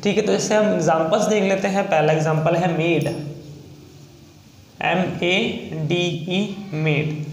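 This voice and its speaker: A man's voice: high voice, fairly even intonation, a little slow, echoey room, poor audio. A man from India teaching a shorthand lesson, explaining step by step and spelling words out letter by letter. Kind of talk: classroom lesson.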